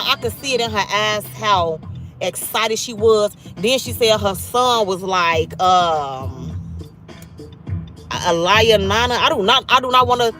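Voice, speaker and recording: A woman's voice: on the high side, a bit bright. A woman in her thirties from Chicago with a Chicago accent, chatting bluntly and profanely on a livestream while she drives, reading viewers' comments aloud. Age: 30s. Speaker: livestreaming vlogger. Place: in a car.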